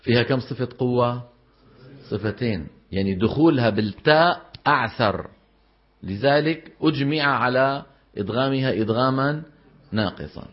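Male recitation teacher, mid pitch, quizzing tone, muffled lecture audio. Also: lively intonation, moderate pace, pauses often. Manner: explanatory, quizzing students with rhetorical questions. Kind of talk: tajweed lesson with recited examples.

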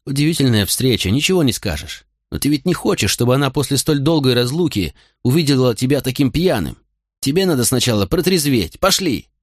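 An urgent young Roman officer in an audiobook, coaxing and pressing in a lively, raised voice, as voiced by a male narrator. The sound is close and dry. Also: mid-range voice, brisk, no room sound, voice pushed up, lightly acted.

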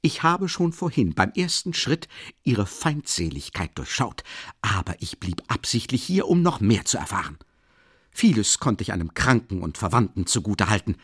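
A man reading an audiobook, voicing a pompous, offended middle-aged gentleman who speaks haughtily and indignantly. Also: on the low side, very animated, moderate pace, breathy edge, no room sound, clean studio sound, heavily acted.

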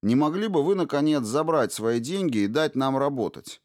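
A man voicing an evasive male fund official who answers questioning with indignant, smooth denials. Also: medium pitch, lively intonation, moderate pace, a little mellow, no echo, clean studio sound, voice pushed up, natural voice. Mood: defensive.

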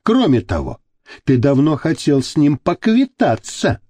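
A scheming male accomplice lays out his terms slowly and persuasively, as a male reader plays him. The voice moves freely up and down. The sound is dry and close. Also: a little high, wildly swooping pitch, mellow, dry recording, heavily acted. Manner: measured, persuasive.

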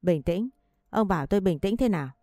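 A woman's voice: medium pitch, expressive, brisk, dark tone, dry recording, studio quality, close to an everyday voice. A woman voicing a furious, grieving second wife who bites out each word with bitterness.

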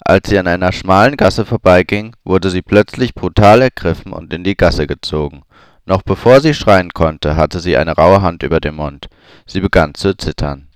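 Male audiobook reader, deep voice, expressive, dry close recording. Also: normal speed, no echo. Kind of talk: audiobook narration.

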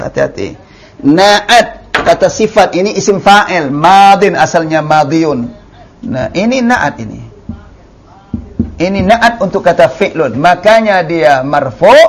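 A man's voice: on the high side, lively intonation, slow, breathy edge. A man with an Indonesian accent teaching Arabic grammar, repeating key terms and drawing out the words he demonstrates. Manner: explains patiently, repeats key terms, drawls the words he models. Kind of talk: classroom grammar lesson.

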